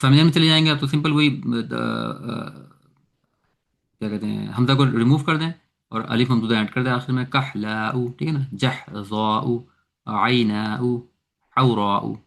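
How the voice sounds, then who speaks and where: A man teaching an online Arabic grammar lesson in Urdu, speaking haltingly with many filler sounds and often switching into English terms. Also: medium pitch, vocal fry, fairly bright tone.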